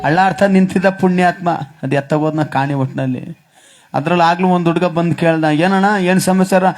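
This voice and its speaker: A man tells comic village stories in a rustic, teasing manner. His voice sits fairly high. Faint music runs behind him on a live stage mic. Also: brisk. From Mysore region, Karnataka. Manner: rustic, teasing banter with acted-out quoted voices. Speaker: stage comedian and singer.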